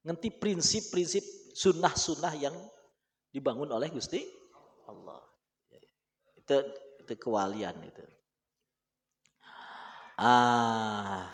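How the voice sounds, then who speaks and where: A man with a Sundanese accent teaching an Islamic book study, animated and laughing often as he mixes languages. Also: medium pitch. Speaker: religious teacher.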